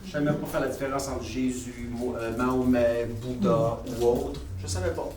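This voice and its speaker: A man's voice: medium pitch, normal speed, darkish tone. A man with a Québécois French accent interpreting live and informally, with stops and self-corrections. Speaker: chaplain interpreting for a speaker. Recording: distant mic in echoey room, faint noise.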